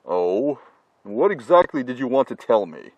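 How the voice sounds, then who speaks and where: A man voicing a naive young masked slasher who talks in a low, gloomy, puzzled drawl in a comedy parody sketch. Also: big pitch swings, normal speed, darkish tone, no echo.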